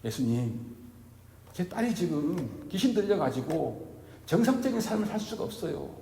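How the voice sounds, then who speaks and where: A man acting out a desperate, humble mother who pleads for her daughter, with his voice rising higher as she begs. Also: sing-song, normal speed, vocal fry, warm tone, a little hiss or hum. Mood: pleading. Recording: echoey reverberant hall.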